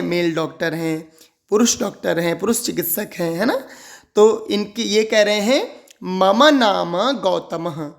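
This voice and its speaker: Man, teacher, children's textbook lesson, slow careful repetition, gravelly voice. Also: sits high.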